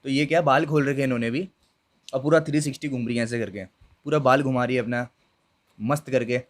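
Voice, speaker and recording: A young man on YouTube tells his own ghost story in a chatty, informal way, speaking to viewers directly and dropping fillers to check in with them. His voice is mid-range, fairly quick, with fairly even intonation.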